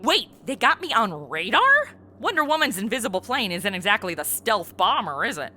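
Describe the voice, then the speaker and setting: A woman's voice: medium pitch, sing-song, moderate pace, pushed and bright. A woman playing a flippant, sarcastic young superheroine in a comedy audio drama. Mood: exasperated. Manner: sarcastic, breezy, slangy.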